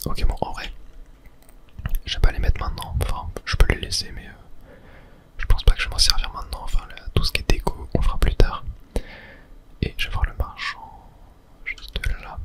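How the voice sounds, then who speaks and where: Speaking only in a whisper, a video host offers ASMR gaming commentary. It sounds casual and unplanned as he murmurs each thought aloud, scattering in tiny filler words.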